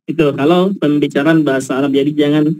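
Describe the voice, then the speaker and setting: A man teaches Arabic to a class of learners in a voice that sits a little high for a man. The sound is dry and close, with almost no room in it. He works through examples patiently and keeps checking that his students understand. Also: fairly even intonation, quick pace, darkish tone, dry recording, poor audio. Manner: patient, explains with many examples and checks in with listeners. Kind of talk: classroom explanation.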